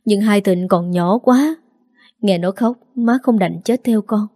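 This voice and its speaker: A frail old mother speaks her last words , voiced by a woman narrator. Her voice is mellow and slow, broken by tears, as in a spoken storybook. It sounds close and dry. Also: mid-range voice, no room sound. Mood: grieving. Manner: slow, faltering, tearful.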